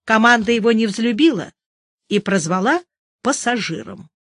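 A narrator reads prose in a measured, even way, as if recording an audiobook. The sound is dry and close, with no room around it, and the pitch sits in a middle register. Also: no echo. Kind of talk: scripted literary narration.

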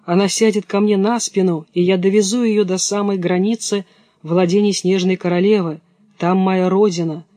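A man reading the part of a quiet reindeer who speaks slowly and haltingly. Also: sits high, steady tone, dry recording, clean studio sound, close to an everyday voice. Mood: solemn. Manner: slow, halting. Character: quiet slow-spoken reindeer.

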